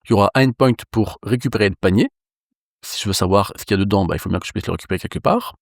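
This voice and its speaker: A man from France teaching a coding lesson in a relaxed, reassuring way with casual fillers. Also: lowish voice, very fast, gravelly, no room sound, studio quality. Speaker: programming instructor.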